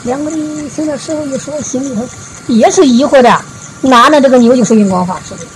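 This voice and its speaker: A woman giving a Buddhist dharma talk, retelling a parable in a folksy storytelling way, with frequent drawn-out filler particles. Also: sits high, slight background noise, poor audio. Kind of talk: storytelling sermon.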